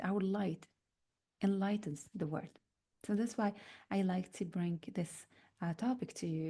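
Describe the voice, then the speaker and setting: A woman from North Africa gives a reflective spiritual talk, slow and searching, with many pauses and fillers. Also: medium pitch, dark tone, breathy edge. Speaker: spiritual teacher.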